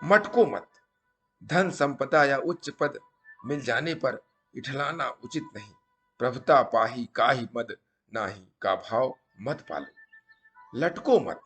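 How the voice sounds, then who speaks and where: A calm middle-aged holy man lays out his rules of life one by one, measured and wise, as a male storyteller puts him on. The voice sits at an ordinary pitch, and soft music plays faintly underneath. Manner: measured, counsels through a list of rhyming rules.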